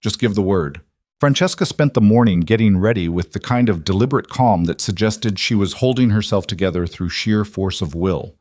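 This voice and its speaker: A man narrating a scripted western story in a measured, even way. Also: fairly low pitch, dry recording, studio quality.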